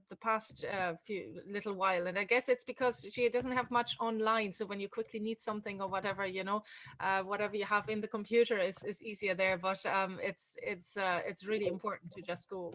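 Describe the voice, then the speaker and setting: A music tutor with a medium-pitched, slightly bright voice hosts an online music-teaching webinar over a video call. She chats casually, with lots of fillers and restarts.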